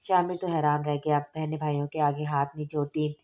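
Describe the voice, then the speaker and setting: Low, flat-voiced woman narrating. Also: a little fast. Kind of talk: audiobook narration of a romance novel.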